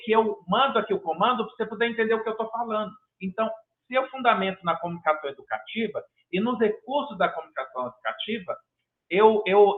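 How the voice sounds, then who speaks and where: A man with a Brazilian Portuguese accent, a master's candidate answering examiners at his project defense, talking in a rambling, hesitant way with many restarts, heard over a video call. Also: high voice. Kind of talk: academic thesis defense answer. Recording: tinny video-call audio.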